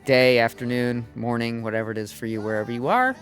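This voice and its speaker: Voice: mid-range voice, steady tone, fast, faint music behind. A streamer chatting casually on a livestream, rambling and laughing often with the viewers.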